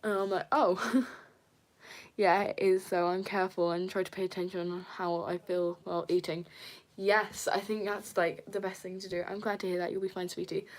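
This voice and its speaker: A young woman chatting casually on a live stream, soft and hesitant, with many fillers and nervous giggles. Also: lowish voice, level tone, fairly quick. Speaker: livestreamer reading viewer comments.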